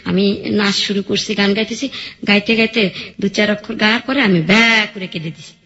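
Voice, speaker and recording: A woman tells her life story as a radio guest. She is lively and acts out the voices of the people in it. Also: mid-range voice, a little fast, dull audio.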